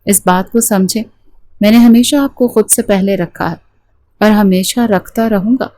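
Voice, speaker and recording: A woman's voice: medium pitch, a little slow, warm tone, dry recording, close to an everyday voice. A woman voicing a young husband in a romance storybook, tender yet firm in how he lectures. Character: young husband, loving but stern.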